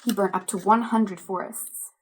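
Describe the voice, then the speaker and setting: A woman, a church religious education director, reading a children's story aloud in a lively, animated way. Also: medium pitch, moderate pace, heavy background noise.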